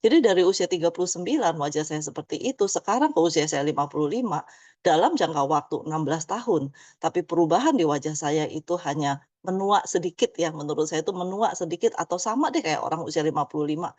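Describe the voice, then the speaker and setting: A woman's voice: deep voice, lively intonation, fast talker, a little mellow, no echo. Chatty woman in her fifties, dry sound. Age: 50s. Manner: chatty, tags many phrases with "ya". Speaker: business presenter. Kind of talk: motivational presentation.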